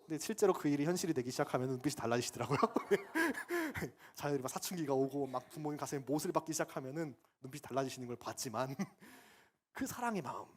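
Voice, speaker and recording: A man's voice: mid-range voice, very fast, a little mellow, slight background noise. A young man preaching a sermon, telling stories with acted quotes and laughing as he goes. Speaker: ministry staff preacher.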